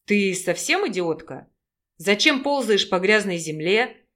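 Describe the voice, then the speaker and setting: A woman's voice: on the high side, lively intonation, normal speed, fairly bright tone. Woman reading as a harsh, scolding werewolf man. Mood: scornful. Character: gruff angry male werewolf rescuer. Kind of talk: audiobook reading.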